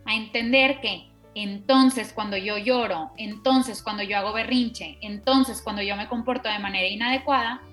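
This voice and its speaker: A woman co-hosting a parenting chat, explaining calmly and steadily with plenty of examples. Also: mid-range voice, moderate pace, few pauses, faint music behind. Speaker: parenting podcast co-host.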